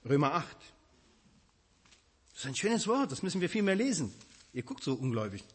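A man preaching a sermon, addressing his congregation directly with emphatic, animated delivery. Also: a little high, a little fast, slightly rough.

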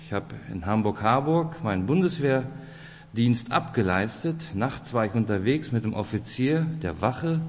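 This man's mid-range voice is animated and measured in pace, marked by a Russian-German accent and a rolled R. In his forties and from Kazakhstan, he acts as a lay preacher at a church weekend, offering an informal sermon with a personal introduction in a friendly, direct manner, recorded in an echoing hall.

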